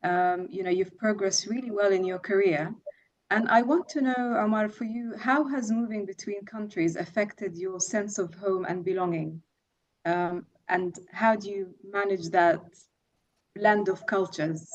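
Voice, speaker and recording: A woman's voice: mid-range voice, fairly even intonation, measured pace. A woman hosting a podcast panel, steering the talk and putting questions to the guests. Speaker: podcast host. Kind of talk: moderating a panel discussion. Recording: dull lo-fi sound.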